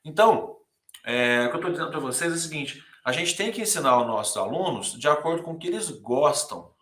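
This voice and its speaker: A man's voice: on the high side, expressive, a little fast, a bit bright. A Brazilian man teaching a music class, talking to students casually and counting beats aloud. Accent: Brazilian Portuguese. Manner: talks to students directly with many "né, gente", sings and counts beats aloud. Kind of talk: casual recorded lecture. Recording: echoey room.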